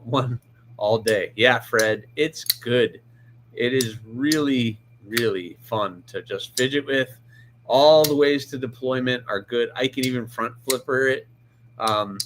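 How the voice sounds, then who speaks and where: A man's voice: mid-range voice, noisy background. Chatty man hosting a live knife stream. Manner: chatty, greets viewers by name mid-sentence; handles the knife while talking, restarts often. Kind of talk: casual live-stream product talk.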